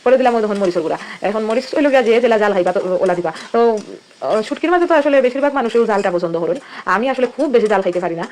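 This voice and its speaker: Fast-talking woman with a Sylheti accent. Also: mid-range voice, a little mellow. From Sylhet, Bangladesh. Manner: chatty, explains each step as she cooks. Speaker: cooking vlogger. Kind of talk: casual cooking narration.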